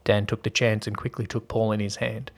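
Man narrating in a low, flat voice. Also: fairly quick. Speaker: podcast host and story narrator. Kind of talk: scripted story narration.

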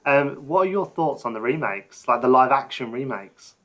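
A man's voice: medium pitch, lively intonation, moderate pace, fairly bright tone. Easygoing man hosting an interview. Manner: easygoing, chuckling, filler-heavy. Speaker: interview host. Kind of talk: casual interview chat.

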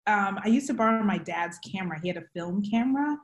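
A woman's voice: medium pitch, expressive, quick pace. Storytelling woman guest, roomy sound. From Uganda and Zimbabwe, then US South. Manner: warm storytelling, laughs easily. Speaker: guest, photographer. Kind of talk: casual interview chat.

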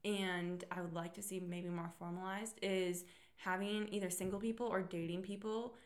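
A woman's voice: lowish voice, steady tone, moderate pace. A woman guest on a podcast, sharing her view in an agreeable, reflective way. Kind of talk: casual chat.

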